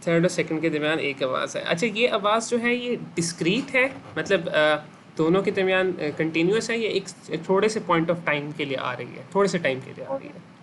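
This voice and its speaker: A man's voice: sits high, animated, moderate pace, a bit bright, slight background noise. A man with a Pakistani Urdu accent giving a medical class lecture. He quizzes the students and echoes their answers, and he mixes English medical terms into his speech. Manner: asks students questions and repeats their answers.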